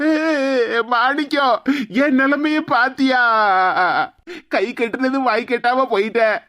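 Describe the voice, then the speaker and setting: A woman's voice: sits high, fairly even intonation, takes it slowly, a bit bright. A woman voicing a hungry, whining man in a cartoon, with a Tirunelveli Tamil accent. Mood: wailing. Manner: whining, wailing. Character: whiny hungry man, a son-in-law.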